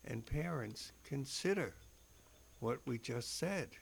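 Casting: man, devotional radio co-host with a very gravelly, slightly quick delivery, earnest and emphatic. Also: medium pitch, animated. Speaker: religious radio show co-host. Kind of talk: radio conversation and devotional reading.

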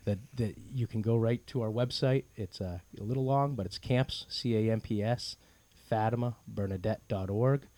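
A man's voice: mid-range voice, moderate pace, few pauses, warm tone. A man speaking as a guest in a conversational radio interview, representing an organisation.

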